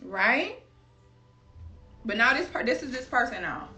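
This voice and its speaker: A talkative woman from Chicago reads tarot for her viewers in a casual way, wandering off into personal stories and calling them y'all. Her voice is bright and a little high. It comes from a bit away from the mic in an echoey room. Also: big pitch swings, measured pace, distant mic, faint music behind. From Chicago, USA. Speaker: tarot card reader.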